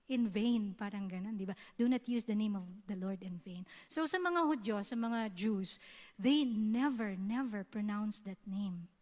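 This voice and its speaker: A Filipino woman with a fairly high voice teaches a youth service at an unhurried pace. She talks to the room conversationally and keeps asking her listeners if they follow. Her voice carries a long reverb from a church hall. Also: a little mellow. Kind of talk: Taglish sermon teaching.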